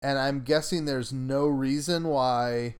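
Smooth-voiced man hosting a podcast. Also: medium pitch, fairly even intonation, slow. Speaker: podcast host. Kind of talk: casual podcast chat.

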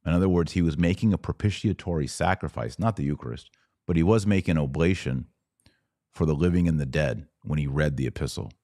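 A podcast host answers viewer questions in a live, informal religious Q&A, teaching in a didactic way and answering his own rhetorical questions. His voice is extremely low and warm, and he speaks a little fast. The clean studio recording has no room sound.

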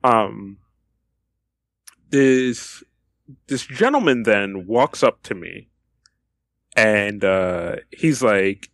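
A young man co-hosting a casual podcast, who tells an animated story full of restarts and laughter. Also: fairly low pitch, drawn-out words, long pauses, no echo, clean studio sound. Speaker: podcast co-host. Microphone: podcast microphone.

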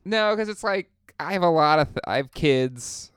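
A man co-hosts a podcast in an easy, rambling way, his voice smooth and resonant. He pads his talk with fillers and drifts between thoughts. The sound is dry and close. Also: a little high, animated, moderate pace, a bit bright, dry recording. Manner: rambling, filler-heavy, laughs often. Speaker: podcast co-host. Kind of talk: casual podcast chat.

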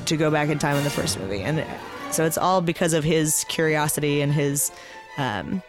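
A man muses aloud about a film in casual podcast talk. He pauses and searches for words as he goes. Music runs clearly behind him. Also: on the high side. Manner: thoughtful, halting.

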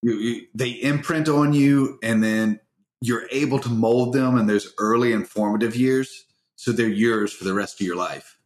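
A man's voice: mid-range voice, moderate pace. A man from the American South, a podcast co-host telling stories in a wry, joking way. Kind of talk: casual chat. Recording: roomy echo.

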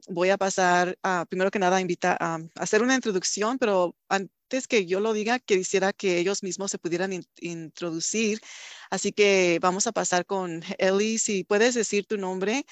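A woman radio host conducts a community radio interview over a video call, gushing with praise and congratulations. Her pitch is medium, and there's no room sound.

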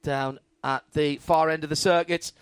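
A man's voice: on the high side, fairly even intonation, normal speed, clear, resonant tone, dry recording. A man giving live motorsport commentary as an enthusiastic, descriptive race commentator.

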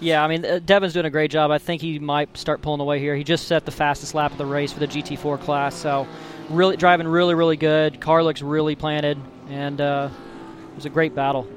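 A man's voice: fairly high pitch, flat delivery, fairly quick. A man who races himself, giving expert analysis during a live motorsport broadcast. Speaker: racing driver and expert analyst. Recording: clear engine and track noise.

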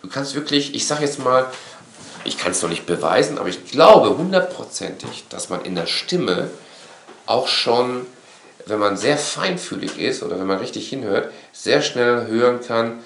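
A man in casual conversation, talking in an animated, rambling way and often tagging his sentences with a questioning "ne". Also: mid-range voice, normal speed, creaky, slight background noise. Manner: animated, rambling, frequent tag "ne?". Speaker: course instructor. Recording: echoey room.

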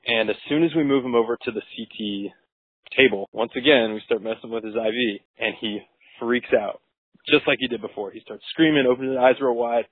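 A man, a physician, casually recounting a case on a podcast with relaxed, wry and crude asides. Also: mid-range voice, fairly quick, husky, no room sound. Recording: tinny dry phone-like recording.

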